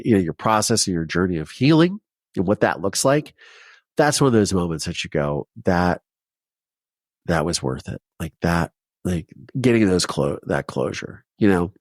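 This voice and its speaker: A man's voice: extremely low pitch, no echo, clean studio sound. A man from Ohio, a documentary filmmaker, telling his personal story as a podcast guest, heartfelt and rambling with many restarts. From Ohio, United States.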